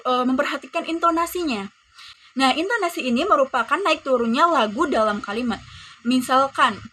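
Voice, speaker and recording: A woman's voice: high voice, a bit bright, slight background noise. A woman with an Indonesian accent teaching a class lesson, explaining to pupils and acting out example readings.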